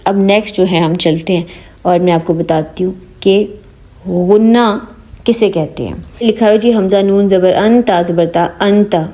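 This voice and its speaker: Patient woman teaching, mellow voice. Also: mid-range voice. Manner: patient, asks "ok?" after each point; mixes English words into Urdu. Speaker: Quran reading teacher. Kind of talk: online Quran reading lesson.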